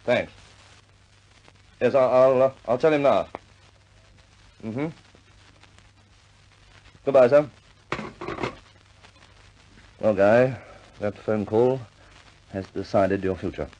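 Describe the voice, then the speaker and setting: In a 1950s British war film, an actor portrays a middle-aged senior RAF commander whose measured, clipped British accent carries firm yet kindly authority. His male voice is mid-range and darkish, lightly acted with a deferential mood, and the sound is lo-fi.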